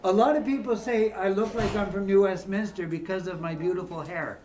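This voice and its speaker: A man in his fifties from Ontario, Canada, is a musician entertaining seniors, joking and teasing the audience between songs. His voice is high and steady, a little fast, with a darkish tone. A slight hiss or hum sits in the background.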